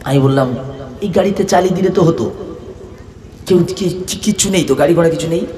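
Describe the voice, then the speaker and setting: A hoarse male preacher giving a sermon, telling stories and breaking into melodic chant. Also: on the high side, brisk, mellow, in a large hall, slight background noise. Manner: storytelling, voices quoted people, breaks into melodic chant. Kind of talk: Islamic sermon with chanted Arabic. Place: stage at a large religious gathering.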